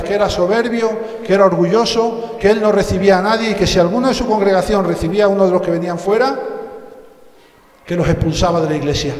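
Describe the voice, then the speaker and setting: A man from Spain preaching a sermon as pastor, telling humorous stories and acting out the dialogue. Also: high voice. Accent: Spanish from Spain. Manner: storytelling, jokey asides, acts out dialogue. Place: church hall. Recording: echoey hall with long reverb.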